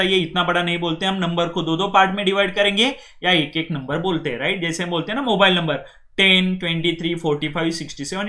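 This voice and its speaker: A man teaching a class, drilling numbers slowly and often checking that his students follow. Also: high voice, bright, forceful tone. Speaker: language teacher. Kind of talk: classroom lecture.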